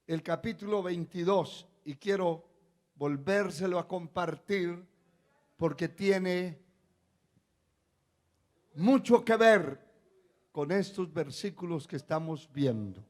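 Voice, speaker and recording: A male pastor preaching a sermon, moving from quiet asides to shouted proclamations and acting out the cries of people in the story. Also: high voice, takes it slowly, pauses often. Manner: acts out quoted cries of a frightened servant.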